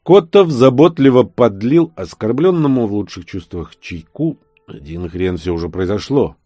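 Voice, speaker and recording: Мужчина-чтец с живой, подвижной интонацией. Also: male voice, normal speed, no room sound. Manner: voices characters with lively rising pitch. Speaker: audiobook narrator. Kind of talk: expressive audiobook reading.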